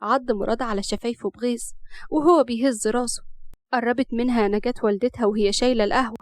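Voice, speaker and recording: A woman storyteller with an Egyptian accent reads a family tale in a brisk, lively manner. Her voice sits a little high and moves quickly. The recording is dry and close. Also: no echo. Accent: Egyptian Arabic. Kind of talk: colloquial storybook narration.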